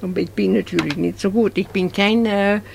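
An older woman chats in a modest, casual way. Her voice is gravelly. Faint office noise with keyboard typing sits behind her. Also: medium pitch, fairly even intonation, normal speed, a little mellow. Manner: modest, chatty. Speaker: inventor's wife and helper. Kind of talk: casual chat.

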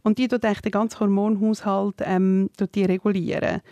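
Gravelly Swiss German woman telling stories. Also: mid-range voice, no echo. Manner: animated storytelling, quick to laugh. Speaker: podcast co-host. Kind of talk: casual chat.

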